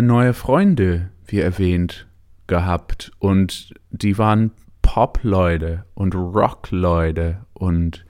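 A man's voice: deep voice, a little mellow. A man speaking as a native English speaker with a British accent, chatting casually and hesitantly in an interview, mixing in English words. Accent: British English accent in German. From Canada and England. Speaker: interview guest, musician.

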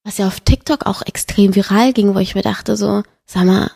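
A woman's voice: mid-range voice, fairly quick, creaky. A young adult woman, a podcast guest, telling a painful personal story with feeling in a casual chat. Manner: emotional, animated storytelling.

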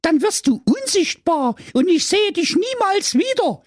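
A man voicing a fussy, dramatic young sister in an exaggerated shrieking falsetto. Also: very animated, unhurried, dry recording, studio quality, full character voice. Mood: shrill.

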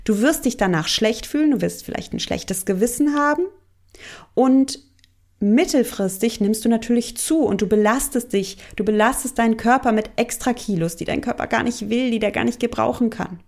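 A woman's voice: fairly high pitch, moderate pace, darkish tone. A woman coach giving a monologue, explaining and addressing the listener directly.

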